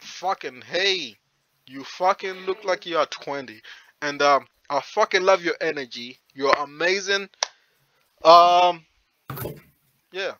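A man's voice: on the high side, slow pace, pauses often, sharp tone, dull audio. A young man from Zimbabwe on a headset in a small room, teasing a stranger in casual video chat, stammering and swearing often.

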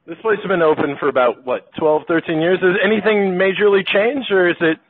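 A man's voice: high-pitched, brisk, breathy edge. A young man hosting a casual interview in a restaurant bar, playful and upbeat with lots of jokes. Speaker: show host. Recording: tinny phone-like sound, faint hiss.

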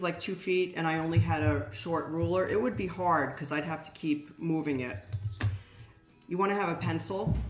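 An older woman running a casual hands-on craft demonstration, explaining steps plainly to viewers. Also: fairly low pitch. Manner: chatty, practical, talks to viewers as "guys". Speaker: shop owner teaching a craft workshop. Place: indoor shop workspace with brick wall. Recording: roomy, faint music behind.

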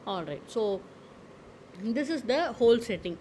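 Woman explaining software steps. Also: fairly high pitch, animated, a little slow, a little hiss or hum, rough recording. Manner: explanatory, frequent fillers and okays. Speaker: tutorial presenter. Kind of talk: screen-recorded software tutorial.

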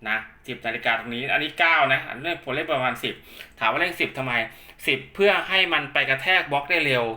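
Talking fast at medium pitch with a pushed, bright sound, a man walks through a casual hands-on tutorial as an instructor showing off equipment. He explains each step and keeps repeating polite particles.

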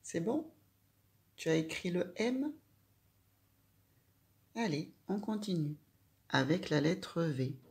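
A woman's voice: on the low side, very animated, takes it slowly, vocal fry, pauses often, darkish tone. A woman teaching a child handwriting, giving patient step-by-step instructions.

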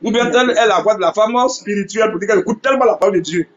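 A man's voice: high-pitched, rapid-fire, highs cut off, crowd noise. A man hosts a live religious debate, asking rhetorical questions and repeating "hein". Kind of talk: live stream preaching to followers.

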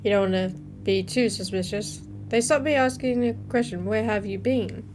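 In a small room at home, a young adult woman gives casual reaction commentary, voicing the captions and slipping in informal asides. She speaks at normal speed in a mid-range, slightly mellow voice. The recording is rough, with faint music and noticeable background noise.

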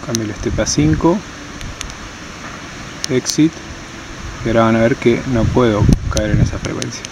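A man with a mid-range voice presents a hands-on outdoor tutorial on stony ground, moving at a moderate pace through each step and repeating the key terms. Heavy background noise runs under him.

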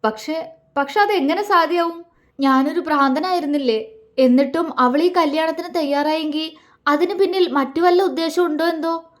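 A woman's voice: sits high, normal speed, voice pushed up, close to an everyday voice. A woman voicing a grieving young man torn between two loves, pleading and anguished in an audio story. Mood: brooding. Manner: anguished, pleading inner monologue.

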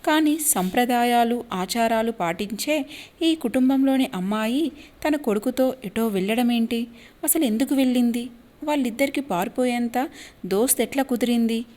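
A man's voice: very high-pitched, normal speed, darkish tone. A woman storyteller voicing a polite, worried middle-aged man who speaks. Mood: troubled. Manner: polite, hesitant, troubled.

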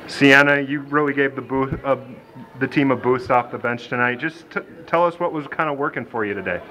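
A man interviewing a coach and players after a basketball game, asking brisk leading questions. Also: medium pitch, background noise. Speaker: sports interviewer.

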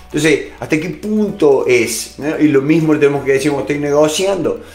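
A man's voice: on the high side, fairly quick, darkish tone. Man with a Rioplatense accent, echoey room. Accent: Rioplatense Spanish. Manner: direct second-person address, frequent "este" fillers. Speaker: negotiation instructor. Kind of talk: motivational lecture.

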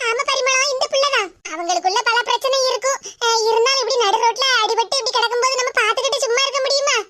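A woman voicing a worried, soft-hearted elderly village grandmother with a Tirunelveli Tamil accent. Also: extremely high pitch, fast, noisy background. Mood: pitying.

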